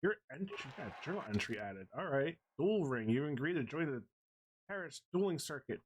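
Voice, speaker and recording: A man's voice: fairly high pitch, sing-song, moderate pace. A male game streamer giving casual commentary, muttering asides and reading on-screen text aloud.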